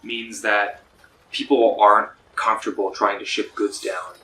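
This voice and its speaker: Man, game master, lower voice, bright tone, echoey room, faint hiss. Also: flat delivery, far from the mic. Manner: descriptive, unhurried with frequent ums. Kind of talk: narrating a tabletop game.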